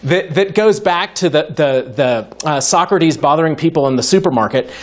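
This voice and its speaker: Wry man lecturing, fairly high voice. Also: lively intonation, normal speed, crowd noise. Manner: wry, joking, thinks aloud with many restarts. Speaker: guest lecturer in philosophy. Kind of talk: university lecture. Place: lecture hall with a live audience.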